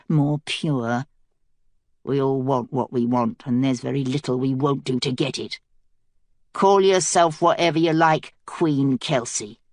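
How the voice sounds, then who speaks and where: A woman's voice: a bass voice, no room sound, studio quality. A woman voicing a cynical, scheming male prisoner who speaks in a mocking drawl.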